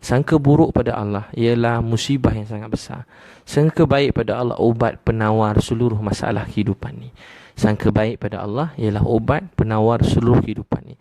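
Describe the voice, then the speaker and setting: A man with a Malaysian Malay accent giving a religious lecture, repeating his points in a gently emphatic way and dropping to soft lows. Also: fairly quick, vocal fry, no room sound. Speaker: preacher.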